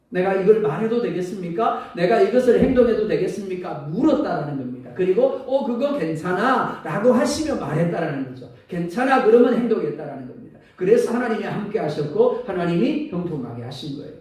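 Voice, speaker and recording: A male pastor preaching a sermon with an animated delivery, acting out everyday sayings, his throat a little sore. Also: high-pitched, fast. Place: church sanctuary. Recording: echoey church hall from far off.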